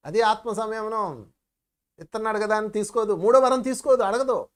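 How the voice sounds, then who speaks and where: A man teaching meditation in a spiritual discourse, telling stories with lively emphasis and addressing listeners as friends. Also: high voice, moderate pace.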